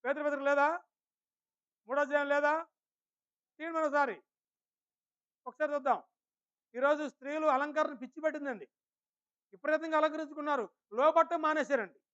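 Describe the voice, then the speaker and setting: A male preacher with a notably high voice delivers a Sunday sermon in church and keeps questioning the congregation. His words turn slow and weighty when he reads scripture, and the recording sounds dull and lo-fi. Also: fairly even intonation, fairly bright tone. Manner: questions the congregation and calls on people by name. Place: church service.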